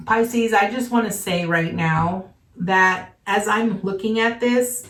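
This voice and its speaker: A tarot reader gives a casual reading in a medium-pitched voice slightly worn by congestion. She's earnest and reassuring, often checking in with "okay?", and she sits far from the mic in an echoey room.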